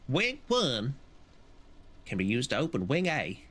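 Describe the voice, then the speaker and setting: A man's voice: medium pitch, huge pitch swings, a little slow, fairly bright tone. Jokey man rambling through a game. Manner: rambling, jokey, swears, laughs. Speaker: streamer. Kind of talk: casual gameplay commentary.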